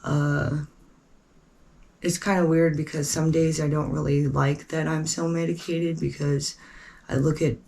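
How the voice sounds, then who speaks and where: A woman narrating her own story in a reflective, halting way, with fillers and pauses. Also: low voice, little pitch movement, gravelly, darkish tone. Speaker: documentary narrator.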